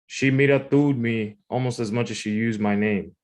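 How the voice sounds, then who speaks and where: Male writer, medium pitch, reading a personal piece aloud in an informal, conversational manner. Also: fairly even intonation, normal speed, a little mellow. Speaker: writer reading own submission.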